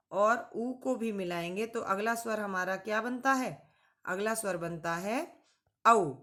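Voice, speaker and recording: A woman teaching a lesson to children, reciting rules in a drawn-out way and answering her own questions. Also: on the high side, a bit bright. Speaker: Sanskrit teacher.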